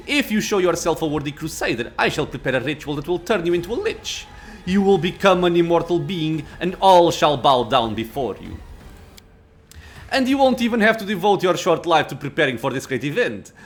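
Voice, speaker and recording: A man's voice: on the high side, a bit bright. A man voicing an ancient undead lich master from a fantasy game, lordly and impatient, speaking in formal, archaic phrases. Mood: arrogant. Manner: imperious, archaic formal speech. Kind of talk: acted reading of fantasy game dialogue.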